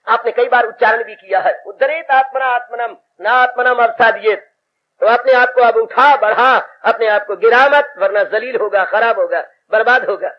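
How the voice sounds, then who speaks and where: A man's voice: very high voice, a little hiss or hum. An older man giving an emphatic devotional sermon as a spiritual teacher, repeating his phrases and mixing in English words. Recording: dull lo-fi old recording.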